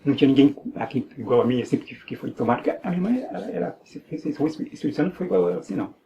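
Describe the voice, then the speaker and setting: A man's voice: mid-range voice, expressive, rapid-fire, vocal fry, mellow, highs cut off, slight background noise. A man with a Brazilian Portuguese accent giving an earnest personal religious testimony, repeating phrases and restarting often. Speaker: evangelical believer giving testimony.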